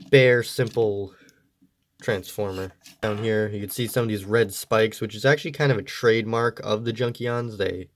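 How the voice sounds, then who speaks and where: Reviewing a toy, a man rambles along in a relaxed, meandering way. His voice is a bit low and nasal, as though he's congested, and there's some slight background noise.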